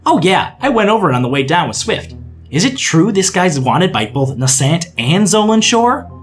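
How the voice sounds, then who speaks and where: A man voicing a cheerful, bubbly young woman on a spaceship crew, pitched far up and talking excitedly. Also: moderate pace, faint music behind. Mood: chatty. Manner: excited, high and bright.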